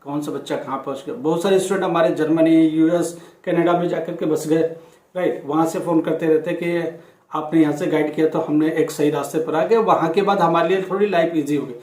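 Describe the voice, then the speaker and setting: A man's voice: on the high side, steady tone, brisk, a little mellow. A man talking casually to students, earnest and reassuring, warning them off scams. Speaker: education channel host. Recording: echoey room.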